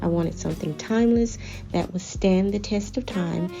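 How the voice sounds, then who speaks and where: A woman narrates a home makeover as a scripted voice-over, with measured, deliberate phrasing. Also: on the low side, vocal fry, highs cut off. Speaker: home decor vlogger presenting a makeover. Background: background music.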